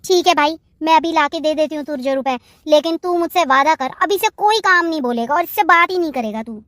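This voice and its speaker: A woman's voice: high-pitched, a little fast, fairly bright tone, no echo, studio quality. Woman doing a bossy meddling cartoon sister-in-law. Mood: lecturing. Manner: lecturing, domineering.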